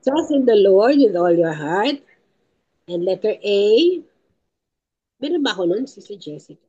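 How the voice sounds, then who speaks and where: A woman's voice: medium pitch, expressive, unhurried, dark tone, slightly rough, muffled recording. A woman giving a teaching talk at a prayer group, emphatic and repeating her key points, with tearful moments. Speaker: lay speaker at a prayer group.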